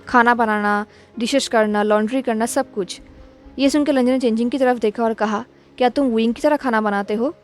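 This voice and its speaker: A woman reading a fan fiction aloud as storytelling narration, at an even pace and without separate character voices. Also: fairly high pitch.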